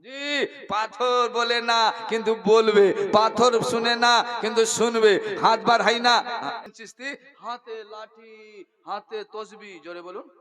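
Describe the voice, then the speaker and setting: High-voiced preacher, slow and sung. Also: male voice, fairly even intonation. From West Bengal, India. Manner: melodic preaching, urging the crowd to respond. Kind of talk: sung devotional sermon.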